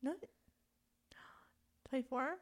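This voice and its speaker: A woman's voice: high voice, drawn-out words. A woman in her twenties co-hosting a podcast, chatty and storytelling, swearing and laughing often. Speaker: podcast co-host. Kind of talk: casual chat.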